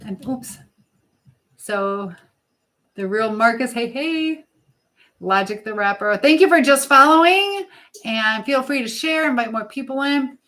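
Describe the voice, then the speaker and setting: Her voice sits on the high side, fairly bright and expressive, and she speaks unhurriedly with frequent pauses. As a livestream host baking in her home kitchen, she chats casually and rambles through answers to viewers. The room echoes, and background noise is clearly audible.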